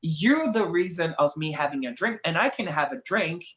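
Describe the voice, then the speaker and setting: The young Brazilian guest, whose accent is Brazilian Portuguese, laughs easily while talking in an earnest, reflective, casual way. His voice is on the high side and fairly bright, with lively intonation at a moderate pace, and it reverberates in the room.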